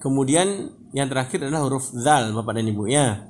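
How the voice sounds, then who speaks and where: A man teaches Quran reading in a patient, repetitive lesson style. He addresses his listeners often and stretches the example words out slowly. A faint hiss sits behind the voice. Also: medium pitch, darkish tone. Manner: patient, repeats "Bapak dan Ibu, ya" often.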